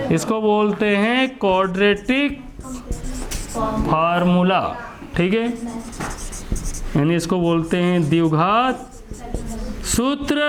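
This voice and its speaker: A maths teacher with an Indian accent and a high voice. He keeps asking the class questions and answers them himself. He repeats each step and switches between Hindi and English terms. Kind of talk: classroom lesson.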